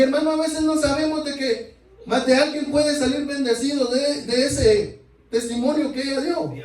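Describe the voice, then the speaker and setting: Male preacher, very high voice, heard from a distance in a reverberant sanctuary, sermon delivery full of "brothers" and questions. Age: adult. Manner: keeps addressing listeners as brothers, asks rhetorical questions. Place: church sanctuary. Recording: echoey church, mic far off.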